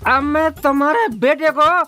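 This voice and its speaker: An actor playing a drunk, boastful older village man who talks slowly in a slurred, self-important way, in a Hindi film dub. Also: very high-pitched, pushed and bright, exaggerated voice. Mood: drunken.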